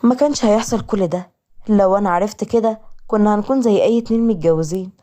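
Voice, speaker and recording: A woman's voice: mid-range voice, fast talker, dark tone, natural voice. A woman voicing a young woman in a storybook tale, emotional and pleading, with an Egyptian accent. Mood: tearful. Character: young woman, tearful and teasing. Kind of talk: storybook character reading.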